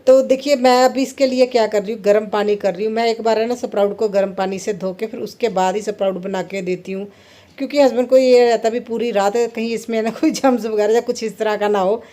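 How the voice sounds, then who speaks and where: A woman's voice: on the high side, steady tone, fast, dark tone. A woman in her thirties chatting to viewers while cooking in her home kitchen, laughing often as she talks. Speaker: home vlogger. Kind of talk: casual kitchen vlog narration.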